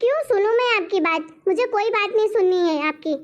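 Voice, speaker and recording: Woman voicing a shrill, defiant young wife. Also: animated, brisk, lo-fi sound. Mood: scornful. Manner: loud, scolding, rude. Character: defiant young wife who scorns her mother-in-law. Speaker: daughter-in-law. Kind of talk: cartoon story voice acting.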